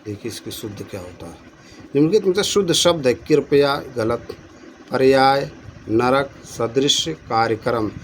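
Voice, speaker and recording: A man at a middle pitch talks through exam questions as a tutor. He reads each option aloud and says the answer again and again. Faint noise hums behind him. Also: lively intonation, normal speed, low-quality recording.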